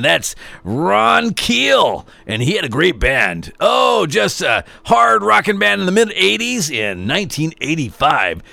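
A man's voice: on the high side, creaky, sharp tone, dry recording. A middle-aged man hosting a rock radio show, exuberant and rambling, full of slang. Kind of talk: energetic radio show talk.

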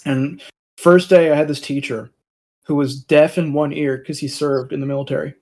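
A man's voice: fairly high pitch, moderate pace, poor audio. Young man telling a school anecdote. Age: young adult. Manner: relaxed anecdotal, swears casually. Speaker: podcast co-host. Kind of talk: casual chat.

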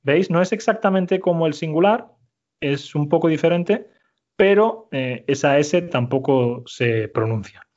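In a fairly high, expressive, slightly mellow voice, a man gives a Spanish language lesson a little slowly over dull-sounding audio. He walks through each step and keeps asking "¿vale?" to make sure his listeners follow.

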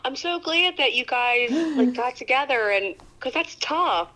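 A woman with a bright, forceful voice chats casually with a friend. She talks bluntly and drops swear words without a pause. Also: high voice, lively intonation, low-quality recording. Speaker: mom friend listening. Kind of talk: casual phone chat.

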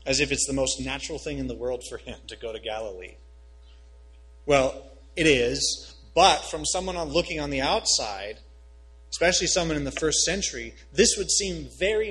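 A man, a pastor reading scripture and preaching a sermon, rising in pitch and volume on key phrases. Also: moderate pace, fairly bright tone, rough recording.

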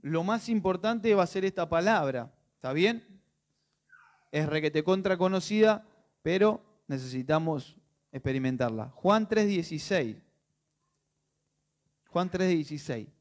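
A male pastor with a Rioplatense Spanish accent preaches a sermon in a loose, conversational style. He fires rhetorical questions at his listeners and keeps things jokey. His voice sits fairly high for a man. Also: animated, a little slow, long pauses.

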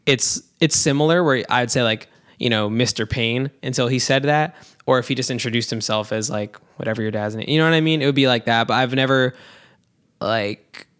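A man's voice: medium pitch, brisk, a bit bright, smooth. A young man from New Jersey co-hosting a podcast, telling stories in casual chat with frequent fillers. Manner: chatty, lots of "like", storytelling. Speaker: podcast co-host.

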